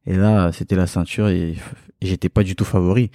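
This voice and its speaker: A man's voice: low voice, steady tone, brisk, dark tone, no echo, clean studio sound. A man from Cameroon, a guest in a home interview, talking candidly and reflectively and laughing easily. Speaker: podcast guest, kickboxing champion. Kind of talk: relaxed interview talk. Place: living room at his home.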